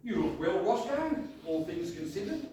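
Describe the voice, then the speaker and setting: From a distance in a very echoey hall, a blustering middle-aged father. His pitch swings about as he wheedles and flusters through a stage comedy. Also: sing-song, moderate pace, a crowd in the background. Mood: flustered, placating. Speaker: stage actor in a comedy play. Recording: echoey theatre, distant mic, faint noise.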